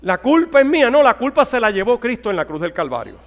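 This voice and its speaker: A man's voice: extremely high pitch, very animated, fast talker. A man, a pastor, preaching a fervent sermon that rises to exclamations. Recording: hall reverb.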